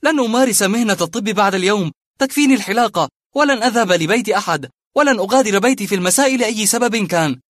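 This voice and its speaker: A bitter, disillusioned barber, as a male reader puts him on, cold and scornful and hurling his words in a raised, emphatic voice. The voice sits fairly high for a man and is recorded close and dry, with no room around it. It suits a dramatized audiobook. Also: sing-song, fast talker, no room sound. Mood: bitter, defiant.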